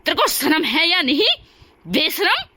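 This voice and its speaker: A woman's voice: high voice, sing-song, measured pace, background noise. A woman voicing a harsh, taunting older mother-in-law in a cartoon story. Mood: angry.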